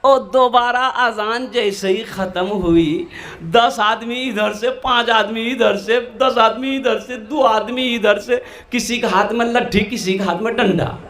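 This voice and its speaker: A man's voice: sits high, fairly bright tone. A man preaching a humorous sermon in an eastern Hindi dialect, acting out characters and now and then singing verses. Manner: sings verses slowly, acts out characters in dialect.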